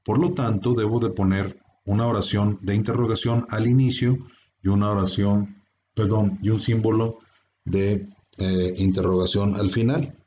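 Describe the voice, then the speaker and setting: Low, dark-voiced male teacher. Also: steady tone, moderate pace, slight background noise. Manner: explains step by step with rhetorical questions. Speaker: English teacher. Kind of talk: classroom grammar lesson. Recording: dull lo-fi sound.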